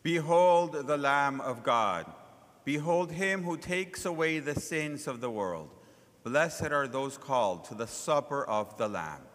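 A man speaking as a priest, reciting solemn liturgical prayers in a measured, reverent way with a long cathedral-like echo. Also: mid-range voice, animated, a bit bright. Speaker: priest celebrating Mass. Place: large reverberant church during Mass. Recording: long echo of a large church.

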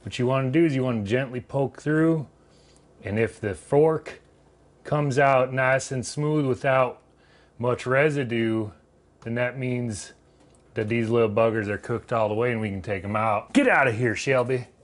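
A man with a Southern accent cooks in his kitchen, casually walking through a recipe in a folksy, rambling style full of filler words and loose grammar. His voice sits at medium pitch with fairly even intonation, and he talks a little slowly.

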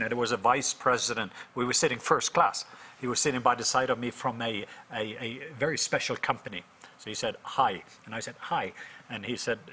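There's slight background noise as he speaks: a Norwegian-accented man in his fifties, a minister and author, chatting as a guest about his personal experience. His voice is mid-range, pushed and bright.

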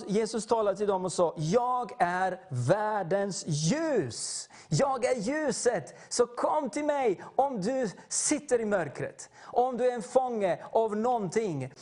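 A man preaching a sermon with personal stories, fervent and halting, often repeating words as he restarts. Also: high-pitched, a little mellow.

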